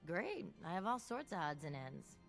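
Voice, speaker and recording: A woman's voice: fairly low pitch, very animated, normal speed, gravelly. A woman playing a friendly, busy depot trader in video game dialogue. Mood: welcoming, busy. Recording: game audio with loud music.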